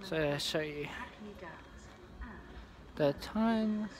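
A young man vlogging on a railway platform, talking in a halting, rambling way with many restarts, into a phone held at arm's length. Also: on the high side, a crowd in the background. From England. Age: young adult. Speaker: trainspotting vlogger. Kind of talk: casual handheld vlog. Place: outdoor railway station platform.

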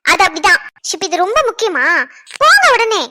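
A woman's voice: high voice, fairly quick, noisy background, close to an everyday voice. A woman voicing a bossy young wife in a cartoon who scolds and teases her husband. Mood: scolding. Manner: scolding, teasing. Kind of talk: cartoon voice acting.

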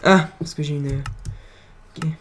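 A man's voice: on the high side, steady tone, a little slow. A man giving casual gameplay commentary and teasing the characters he meets in the game. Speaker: let's play gamer. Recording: constant clear noise with keyboard clicks. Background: keyboard typing and clicks.

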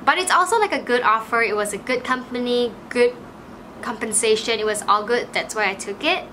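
A woman in her twenties with a Malaysian English accent vlogs to camera in a small room, chatty and animated and full of "like" fillers. Her voice is on the high side and brisk, with slight background noise.

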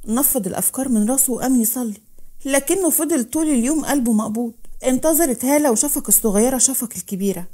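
A woman with an Egyptian Arabic accent narrating a scripted romance story in a smooth, steady reading voice. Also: high-pitched, fast.

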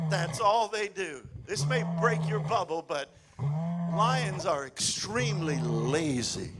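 A middle-aged man preaching a lively sermon in a church, calling out for amens. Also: sits high. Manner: lively preaching, calls for amen and hallelujah. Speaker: pastor. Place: church sanctuary.

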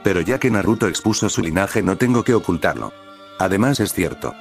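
A man reading the lines of a calm, wry young male ninja in a fan story, in an even storybook tone. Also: low-pitched, brisk, vocal fry, soft background music.

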